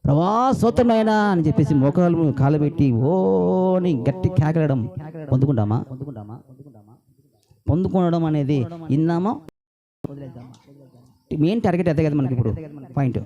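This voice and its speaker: A man's voice: a little high, normal speed, long pauses, mellow, muffled recording. A male pastor preaching a sermon to church workers, asking the congregation rhetorical questions. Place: church hall.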